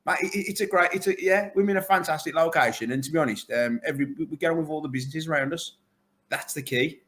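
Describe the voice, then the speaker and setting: A man's voice: a little high, fast talker, fairly bright tone. A man, an arcade owner chatting enthusiastically and at length in a casual interview. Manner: enthusiastic, rambling, full of superlatives.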